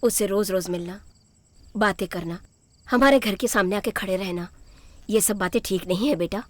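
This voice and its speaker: A woman's voice: medium pitch, moderate pace, no room sound, natural voice. An actress playing a desperate middle-aged mother who begs a young man to keep away from her only daughter, speaking earnestly in a dubbed film. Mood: pleading. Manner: pleading, earnest. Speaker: pleading mother.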